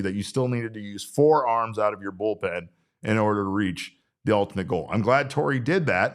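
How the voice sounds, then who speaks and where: A man in his forties hosting a casual sports talk show, rambling and breaking off his own sentences. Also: fairly low pitch. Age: 40s. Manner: rambling, self-interrupting. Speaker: podcast host.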